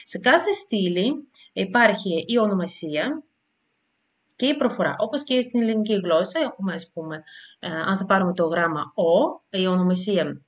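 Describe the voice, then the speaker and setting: Woman teaching careful beginner language lessons. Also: mid-range voice. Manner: slow, careful explanations with frequent hesitations; sounds out example letters and words for learners to repeat.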